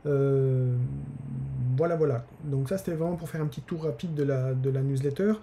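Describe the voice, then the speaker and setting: A man's voice: medium pitch, moderate pace, dark tone, slight background noise. A man hosting a live stream from his desk, talking casually with many hesitations and restarts. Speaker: newsletter author hosting a live giveaway stream.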